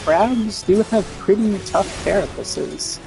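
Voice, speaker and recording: A man's voice: sits high, slow pace, vocal fry, over music, poor audio. A man streaming a role-playing game, chatting casually with wry jokes. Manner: wry, joking. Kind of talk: casual gameplay commentary.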